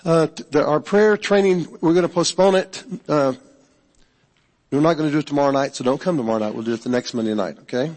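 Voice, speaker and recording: A pastor talking in a relaxed, offhand way, his voice echoing as if in a cave. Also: a little high, fast talker. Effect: cave-like echo. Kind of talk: casual church announcements and prayer. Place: cave-like room. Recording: echoey, cave-like room with long reverb.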